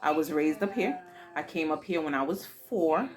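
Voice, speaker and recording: A woman in her forties with a Haitian accent, answering her daughter's questions in casual, expressive chat full of dramatic exclamations. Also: deep voice, moderate pace. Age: 40s.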